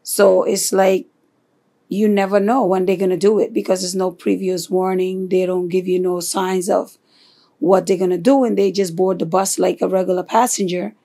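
Soft-spoken woman from Honduras, slightly gravelly. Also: lowish voice, level tone, normal speed. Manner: soft-spoken, hesitant, many fillers. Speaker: interviewee. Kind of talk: oral history interview.

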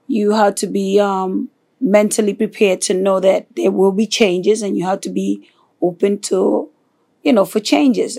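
A soft-spoken woman from Honduras, answering interview questions in a hesitant, unhurried way full of fillers. Her voice has a gravelly edge, and her pitch sits in the middle of the range. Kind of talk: oral history interview.

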